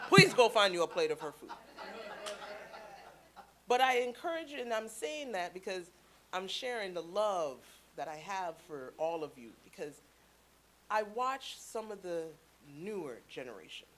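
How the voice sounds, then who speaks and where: A woman from Canada speaking to a church congregation, telling stories with playful asides in a lively sermon. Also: lowish voice, a little hiss or hum. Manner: chatty storytelling with playful asides.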